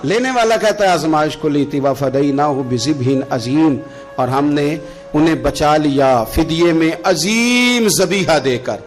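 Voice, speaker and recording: High-pitched preacher; fiery sermon with slow chanted recitation, faint music under. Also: male voice, lively intonation. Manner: swings between loud impassioned exclamations and soft slow recitation. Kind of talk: emotive Urdu sermon with Quranic recitation.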